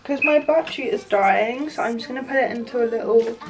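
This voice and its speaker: A woman's voice: on the high side, a little fast, low-quality recording. A woman vlogging casually about her routine, chatty and informal with self-deprecating asides. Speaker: beauty vlogger.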